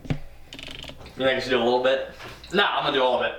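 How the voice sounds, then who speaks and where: A man's voice: mid-range voice, fairly even intonation, fast, a bit bright, slight background noise. A man hosting a challenge video with casual banter, joking and goading his friend along. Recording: echoey room, far from mic, music.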